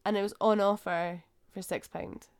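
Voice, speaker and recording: Clear-voiced Scottish woman chatting casually. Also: medium pitch, steady tone, normal speed. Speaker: podcast co-host. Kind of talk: casual chat.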